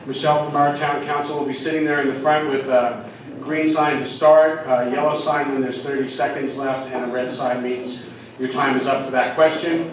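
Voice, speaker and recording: A man's voice: mid-range voice, fairly even intonation, moderate pace, noisy background. A man moderating a community debate, giving informal announcements with many ums. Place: community hall. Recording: echoey hall from far off.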